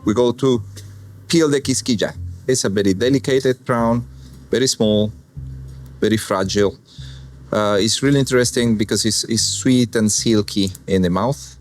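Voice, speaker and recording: A man from Argentina speaking English with an Argentine Spanish accent, calmly talking a viewer through a cooking demonstration. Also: medium pitch, faint music behind. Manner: unhurried, plain non-native English with calm explaining. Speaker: chef.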